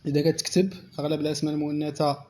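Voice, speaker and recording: A Moroccan man teaching a French grammar lesson, explaining slowly and repeating each word. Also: on the high side, completely flat delivery, darkish tone. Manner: slow, repetitive explanation, reading French aloud.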